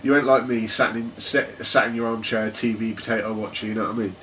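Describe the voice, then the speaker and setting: A man with a lowish voice co-hosts a laid-back tech podcast, rambling along with plenty of ums and restarts and laughing easily. He sits some way back from the mic, so there is a faint hiss of room ambience behind him. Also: steady tone, quick pace, fairly bright tone, far from the mic. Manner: rambling, hesitant, laughs often. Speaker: podcast co-host. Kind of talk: casual chat.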